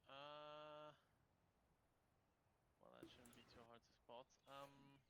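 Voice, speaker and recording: A man playing a pilot in a military game, thinking out loud and hedging his plans over voice chat. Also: medium pitch, fairly even intonation, slow. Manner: thinks aloud, cautious, hedging. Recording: noisy voice-chat mic.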